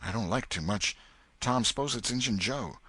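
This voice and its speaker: A man voicing a scared, superstitious young village boy who speaks in a rustic backwoods dialect, hushed and fearful. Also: mid-range voice, moderate pace, slightly rough, dry recording, pitched above the performer's own voice. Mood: frightened.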